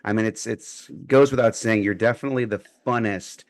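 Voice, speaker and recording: A man's voice: on the low side, fairly even intonation, brisk, no room sound, studio quality. A man hosting a podcast interview, upbeat and full of praise, backing his guest with many mm-hmms. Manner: upbeat, complimentary, frequent backchannels. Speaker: podcast host.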